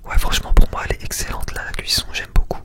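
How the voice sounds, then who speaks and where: A man whispering very close, right in the ear, as he narrates a food ASMR video, often repeating words and phrases for emphasis. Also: fast talker.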